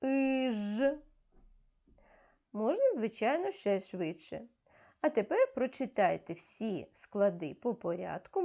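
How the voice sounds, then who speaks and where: A woman teacher leading a reading lesson for young children, giving slow, clearly articulated, coaxing instructions. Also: medium pitch, dark tone. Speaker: primary school teacher. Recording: dull, muffled lo-fi audio.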